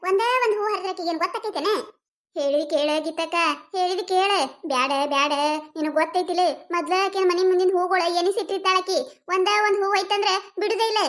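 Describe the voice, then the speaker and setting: Nervous cartoon village woman, woman voicing, very high squeaky voice, North Karnataka accent, fretful. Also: fairly bright tone. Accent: North Karnataka Kannada. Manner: fretful, repeats worried phrases. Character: timid gossipy village woman, always fearful.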